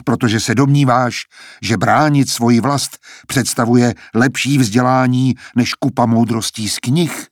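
Man reading as a stern older academy dean, bitter, cold and mocking, husky voice, dry storybook recording. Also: medium pitch, fairly even intonation, dry recording, close to an everyday voice.

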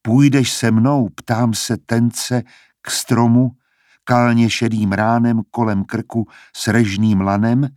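A man's voice: medium pitch, level tone, a little mellow, no room sound, studio quality, natural voice. A man doing an eerie young singing girl. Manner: slow, lilting sung verse. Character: young woman singing eerily in the woods.

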